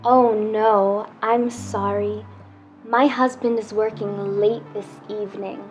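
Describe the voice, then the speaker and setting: An actress playing a young actress on set who speaks softly and haltingly. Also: female voice, medium pitch, level tone, soft background music, lightly acted. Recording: dull lo-fi sound.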